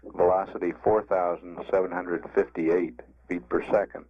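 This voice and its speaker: A low-voiced man reads formal mission status updates in a flat, measured tone. The sound is a slightly dull archive radio broadcast, and his delivery is strictly factual. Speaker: mission control public affairs announcer.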